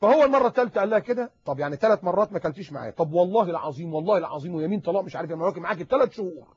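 A man with an Egyptian accent giving a lively religious advice lecture, talking animatedly and acting out little dialogues. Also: high voice, slightly rough. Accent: Egyptian Arabic. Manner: animated, acts out dialogues, rapid repetitions. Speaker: preacher. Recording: dull lo-fi recording.

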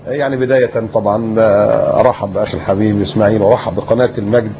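A man's voice: on the low side, very fast, dull audio, noisy background. A man in his fifties with an Egyptian accent, a preacher telling his story in an interview and acting out what people said to him. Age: 50s. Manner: lively storyteller who acts out remembered talk. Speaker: preacher and guest.

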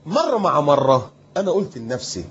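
Fast-talking Egyptian man in his fifties. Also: fairly high pitch, dull audio, a little hiss or hum. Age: 50s. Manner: lively storyteller who acts out remembered talk. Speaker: preacher and guest. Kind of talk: storytelling in a TV interview.

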